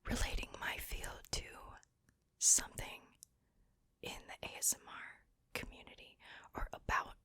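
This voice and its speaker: A woman's voice: measured pace, sharp tone. A woman whispering breathily, very close to the ear, in a casual ASMR chat. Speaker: ASMR video maker. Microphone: very close to the mic, ear to ear.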